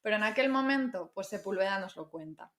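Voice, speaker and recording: Young woman from Madrid, Spanish accent, lively podcast co-host, mid-range voice. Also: medium pitch, fairly quick. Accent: Spanish from Spain. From Madrid, Spain. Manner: chatty and animated, reads old texts aloud with asides. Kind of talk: casual history podcast chat.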